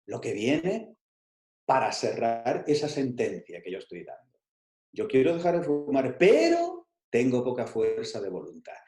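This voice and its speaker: A man's voice: medium pitch, mellow, reverberant. A man leading an online coaching workshop, stressing his points, repeating key phrases and asking rhetorical questions.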